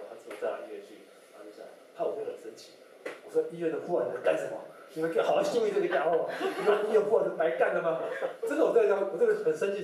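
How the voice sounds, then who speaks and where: A man speaking as a Buddhist monk recounts a story at a quick clip, repeating words as he stumbles ahead and breaking into laughter. He sounds set back from the mic in a very reverberant room. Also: medium pitch, a little hiss or hum. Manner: animated, laughing, stammering repeats. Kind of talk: casual anecdote telling. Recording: very roomy, distant mic.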